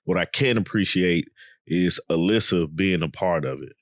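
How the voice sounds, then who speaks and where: Male podcast co-host, low voice, conversational and earnest, dry close-miked sound. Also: moderate pace, no echo. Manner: conversational, repeats "you know what I'm saying". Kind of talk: casual reality TV recap chat.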